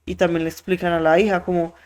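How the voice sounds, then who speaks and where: A podcast host, telling a story in an animated way, with many fillers and quoted voices acted out. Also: medium pitch, fast talker. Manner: frequent filler words.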